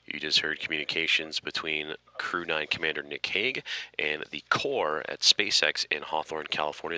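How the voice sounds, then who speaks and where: A man with an extremely low voice and a very bright, forceful edge delivers live mission control commentary. His delivery is measured and formal, explaining each stage for a broadcast audience. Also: no echo.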